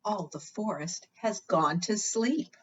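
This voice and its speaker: Slow and expressive, a woman with a mid-range, fairly bright voice reads a story aloud for young children and asks them questions. There's slight background noise, and the lo-fi recording sounds dull.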